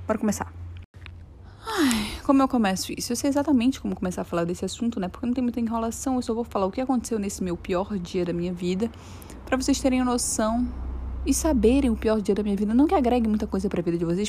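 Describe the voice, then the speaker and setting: A woman's voice: mid-range voice, darkish tone, a little hiss or hum. A young woman hosting her own podcast, talking alone in a rambling, jokey way that keeps interrupting itself, into an earphone mic. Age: young adult. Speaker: podcast host. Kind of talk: personal monologue podcast.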